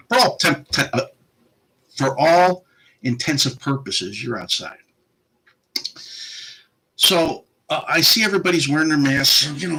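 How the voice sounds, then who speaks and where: A man in middle age tells a story in an indignant, animated rant and acts out both sides of the argument. His voice sits a little high and bright. He jumps all over his range. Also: low-quality recording.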